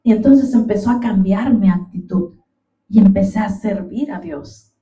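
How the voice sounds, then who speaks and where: A woman's voice: medium pitch, a little slow, mellow, far from the mic. A woman preaching a fervent sermon in a church, often calling out to her brothers and sisters in the congregation. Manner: fervent, addresses listeners as brothers. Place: church sanctuary. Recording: echoey room, voice from off the mic.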